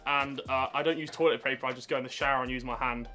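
A young man in his twenties from Guernsey, awkwardly delivering deadpan confessions as a contestant on a studio dating show. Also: medium pitch, fast talker. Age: 20s. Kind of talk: comedic dating-show pitches. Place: indoor studio stage. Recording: studio with background music.

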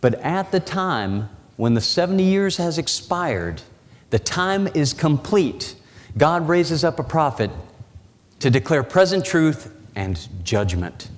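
A man in his forties preaching a sermon in a church, walking the platform and slowing down, dropping his voice low for dramatic emphasis. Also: sing-song. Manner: walks the platform, gesturing as he preaches. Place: church sanctuary. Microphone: lapel mic and pulpit mic. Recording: church hall reverb.

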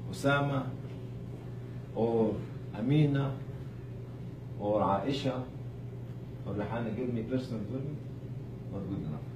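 Faith and motivation drive this informal talk, given by a man with a very lively pitch to charity staff and a live audience. He is emphatic, stops for effect, and asks rhetorical questions, though the distant mic adds echo and plenty of noise.

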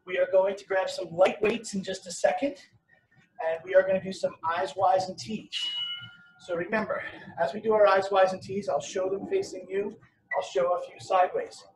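High-pitched male fitness coach, roomy sound. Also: steady tone, moderate pace. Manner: plain, step-by-step explaining. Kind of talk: instructional workout demonstration. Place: hard-walled home gym or patio workout space. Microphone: camera a few metres away. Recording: roomy, distant mic with background noise.

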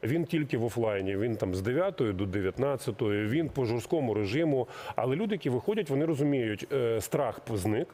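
A middle-aged man, a military recruiting official, answering interview questions in a measured, explanatory way with frequent hesitations. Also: mid-range voice, animated, warm tone.

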